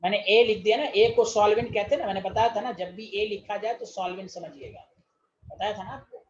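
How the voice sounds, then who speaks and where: A man's voice: high voice, brisk, muffled recording. A man teaching chemistry in an online class, exasperated and quizzing his students again and again.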